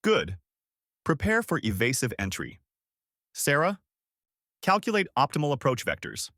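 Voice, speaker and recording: Decisive male starship commander, read by a man, steady and focused. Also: mid-range voice, measured pace, no room sound, studio quality, pitched above the performer's own voice, heavily acted. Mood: determined. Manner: calm, firm, decisive.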